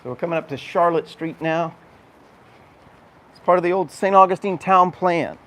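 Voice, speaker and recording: A man's voice: high voice, normal speed, fairly bright tone. A man giving a conversational, explanatory live walking-tour commentary as host, recorded outdoors on town streets. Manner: conversational, explanatory, pointing things out. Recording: noisy outdoor street recording with urban ambience.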